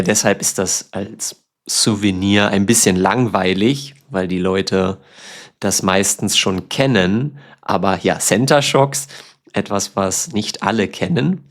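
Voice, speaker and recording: Slow, patient male German teacher. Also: sits low. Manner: explains words patiently with examples, warm. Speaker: German teacher, podcast host. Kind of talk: slow, clear teaching talk.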